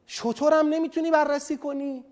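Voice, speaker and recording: A man with a high-pitched voice delivers a Quranic commentary lecture to listeners. He drops to hushed, low-toned lines and then pushes out loud, insistent bursts. He makes his points through homely comparisons to a craftsman winning customers. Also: steady tone. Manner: uses everyday craftsman and customer analogies. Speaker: preacher teaching Quran commentary.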